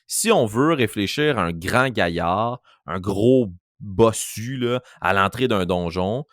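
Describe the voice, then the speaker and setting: A man's voice: fairly low pitch, expressive, takes it slowly, no room sound, studio quality. A man with a Quebec French accent, a game master chatting on a podcast and demonstrating voices as he explains. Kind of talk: casual podcast chat.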